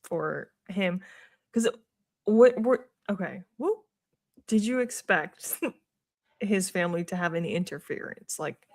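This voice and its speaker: A woman's voice: lowish voice, no room sound, studio quality. A woman co-hosting a book club chat, laughing often and reading from her notes. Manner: giggly, reads from her notes. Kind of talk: casual chat.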